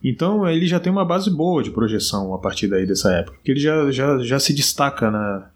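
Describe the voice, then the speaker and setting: A man with a Brazilian Portuguese accent hosting a solo podcast, explaining at length in a relaxed way, with frequent fillers. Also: mid-range voice, fairly quick, a little hiss or hum. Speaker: podcast host. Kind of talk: solo podcast talk on martial arts history.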